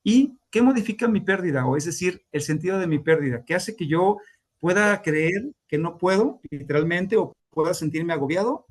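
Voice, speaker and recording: Higher-voiced man lecturing. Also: animated, normal speed. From Mexico. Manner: explanatory, acts out clients' voices in quotes. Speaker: grief therapist teaching a class.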